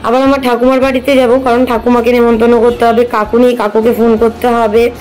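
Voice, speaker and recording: A woman's voice: on the high side, little pitch movement, fairly quick, darkish tone, low-quality recording. A young woman and mother chatting casually to her viewers in a family vlog. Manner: chatty, addresses viewers directly. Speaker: vlogger and mother of twin boys.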